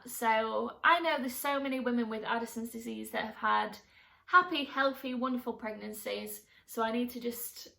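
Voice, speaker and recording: A woman in her thirties vlogs in a casual, self-deprecating way, full of "um"s. Her voice sits on the higher side with a gravelly, creaky edge. She sounds a little back from the mic. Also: a bit bright, distant mic. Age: 30s. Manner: chatty and self-deprecating, many fillers. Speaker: vlogger. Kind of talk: casual chat to camera.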